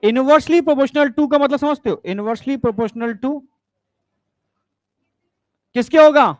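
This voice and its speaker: High-voiced man teaching a biology class. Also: slow, no echo. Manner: coaxing, keeps asking if students understood; mixes English science terms into Hindi. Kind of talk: classroom lecture.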